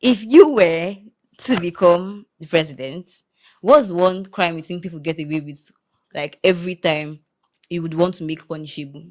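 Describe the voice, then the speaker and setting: A young Nigerian woman co-hosting a podcast, telling personal stories in an animated way and slipping into pidgin. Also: on the low side, normal speed. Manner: animated storytelling, mixes in pidgin. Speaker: podcast co-host. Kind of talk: casual chat.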